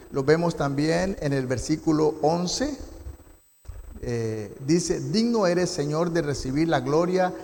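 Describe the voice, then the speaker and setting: This Costa Rican pastor's voice is a little high and a little mellow. He leads a Bible study in a church, teaching by reading scripture and putting questions to the congregation, with long hall reverb on the recording.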